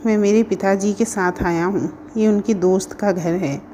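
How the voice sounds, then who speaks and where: A woman voicing a kind, caring young boy in a read-aloud storybook, speaking gently and reassuringly. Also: medium pitch, fairly even intonation, normal speed, slight background noise, close to an everyday voice. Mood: plain.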